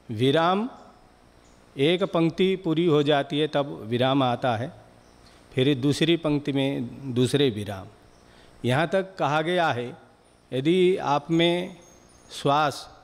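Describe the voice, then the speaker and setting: A man giving a spiritual discourse to a gathering, explaining patiently in short, measured phrases. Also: fairly high pitch, big-room sound. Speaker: spiritual teacher.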